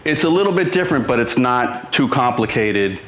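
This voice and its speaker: A middle-aged American from Boston hosts a home cooking show, his mid-range voice expressive, fairly quick, and fairly bright. He talks informally and thinks aloud through a casual demo in his kitchen, recorded with roomy echo and music.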